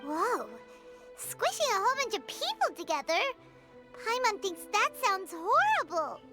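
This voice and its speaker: A woman voicing a small, curious childlike fairy companion with a squeaky voice in a video game. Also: big pitch swings, a little slow, over loud music, full character voice. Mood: appalled. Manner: speaks of herself in third person.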